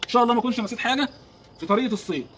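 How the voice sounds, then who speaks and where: A man with an Egyptian accent giving an animated outdoor fishing lesson, talking straight to the viewer. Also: very high-pitched, very fast, a little hiss or hum. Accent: Egyptian Arabic. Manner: animated, instructive, talks to the viewer. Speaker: fishing vlogger. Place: outdoors by the water.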